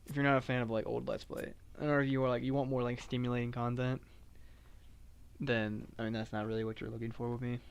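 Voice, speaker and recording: Smooth-voiced man rambling in a monotone. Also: medium pitch, fast. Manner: rambling, filler-heavy, self-described monotone. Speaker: live-streaming gamer. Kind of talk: casual live-stream chat while playing.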